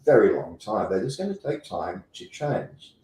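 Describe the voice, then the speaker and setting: A very animated man with a South African accent, a company president, speaks emphatically as an interview guest at a moderate pace, repeating phrases for effect. His dark voice is on the low side, heard in a roomy space with slight background noise.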